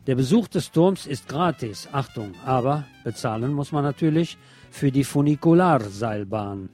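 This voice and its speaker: A radio news presenter reads local stories from a script in a relaxed, soft, dark-toned voice at mid-range pitch and normal speed. He colours the bulletin with sardonic, opinionated asides, while faint guitar music plays behind him.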